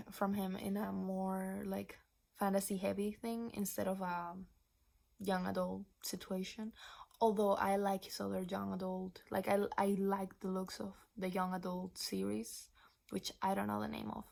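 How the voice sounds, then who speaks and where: Gravelly chatty young woman vlogger. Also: mid-range voice, a little mellow. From Venezuela. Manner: chatty, rambling with frequent restarts and asides; drops into breathy whispers for asides. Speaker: book vlogger. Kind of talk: casual chat.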